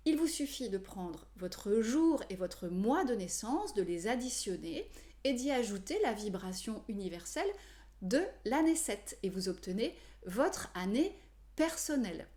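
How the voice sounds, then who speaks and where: A woman numerology coach explaining to viewers in a measured way, with frequent hesitations. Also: medium pitch, animated, warm tone. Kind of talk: explanatory video talk to viewers.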